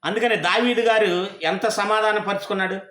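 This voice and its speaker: A male preacher with a high, bright voice delivers his sermon in an echoey worship hall. He keeps throwing rhetorical questions at the congregation. The sound is roomy, with plenty of hall reflection. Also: fairly even intonation, a little fast. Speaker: pastor.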